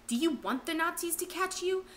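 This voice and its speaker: A woman's voice: extremely high pitch, animated, moderate pace, fairly bright tone, voice pushed up. A woman voicing a panicked teenage boy who speaks in an urgent, hissed whisper.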